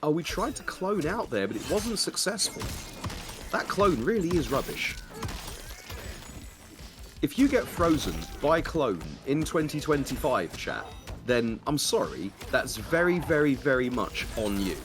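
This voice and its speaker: Give me a wry, joking male co-commentator breaking down a fighting game with a lively, bouncing delivery. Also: fairly high pitch, unhurried, music in the background. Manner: wry, joking, technical analysis. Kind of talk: esports color commentary.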